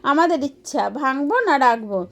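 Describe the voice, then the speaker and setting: A woman's voice: sits high, lively intonation, normal speed. A woman doing a bossy scheming farmer wife. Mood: firm. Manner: firm and commanding.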